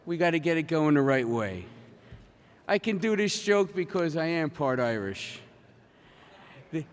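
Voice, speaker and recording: A jovial man emcees a convention from a podium, chatting and joking with the crowd. His voice sits high for a man and rings out into a large hotel meeting room with a long echo. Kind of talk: joke-telling convention address. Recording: echoey convention hall.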